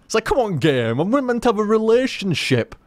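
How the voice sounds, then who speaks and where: A man rambling through casual gameplay commentary, swearing freely and talking in an animated way. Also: sits high, fairly quick, dry recording. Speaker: gaming commentator.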